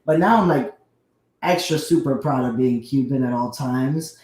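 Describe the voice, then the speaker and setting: A young man from the United States, a guest in a casual conversation, talking eagerly in rushes with many restarts. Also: mid-range voice, a little mellow. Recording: roomy echo.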